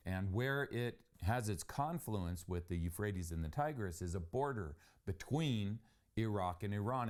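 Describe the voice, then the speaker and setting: Earnest middle-aged man explaining. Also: on the low side. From Saudi Arabia. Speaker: documentary presenter. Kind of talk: travel documentary narration.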